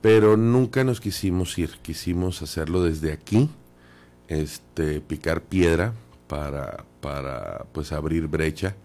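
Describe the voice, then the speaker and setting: A man's voice: rumbling low, slow pace, a little mellow. A man, a dubbing studio director, speaking earnestly in a radio interview with many fillers. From Sonora, Mexico.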